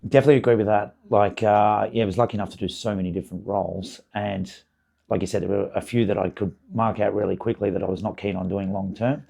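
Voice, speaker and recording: A middle-aged man with a hoarse, croaky voice, talking casually as a podcast guest, with many fillers and restarts. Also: fairly low pitch, steady tone, fast talker, mellow. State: hoarse, voice partly gone. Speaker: podcast guest, basketball facility owner. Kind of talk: casual interview chat.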